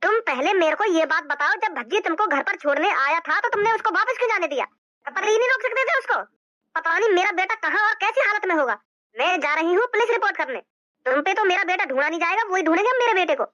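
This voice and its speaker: Woman voicing a fierce cartoon mother, scolding, demanding, sharp, high. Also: expressive, fast talker, dry recording, muffled recording, heavily acted.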